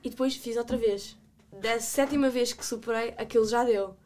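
A young woman with a European Portuguese accent, a student guest on a podcast, telling a story in an animated way and laughing often as she talks. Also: fairly high pitch, normal speed. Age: young adult. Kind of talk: casual storytelling chat.

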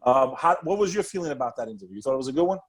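A male podcast host chats with a guest in a casual interview, speaking very fast in a medium-pitched, expressive voice. He's streetwise and profane, swearing freely and looping back to repeat his own phrases.

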